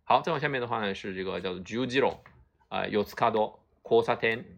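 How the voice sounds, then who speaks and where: A man's voice: fairly low pitch, a little fast, creaky, a bit bright. A man teaching Japanese vocabulary in a lecture, explaining each word patiently and checking in with listeners often. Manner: explains patiently, tags phrases with "啊" and "对吧".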